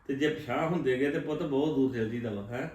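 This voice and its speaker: A man with a Punjabi accent in a scripted family drama, talking quickly and coaxingly and often checking that the other person agrees. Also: medium pitch, a little mellow. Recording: echoey room, mic at a distance.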